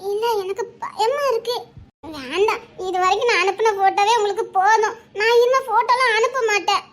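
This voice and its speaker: A woman's voice: very high-pitched, a little fast, fairly bright tone. A young woman with a Tirunelveli Tamil accent playing a naive, frightened girl who pleads in a teary, hesitant voice. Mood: tearful. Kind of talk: web drama acting.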